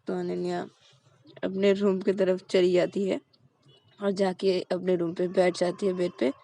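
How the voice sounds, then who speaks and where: A young woman telling a story in a plain, steady way. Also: lowish voice, measured pace.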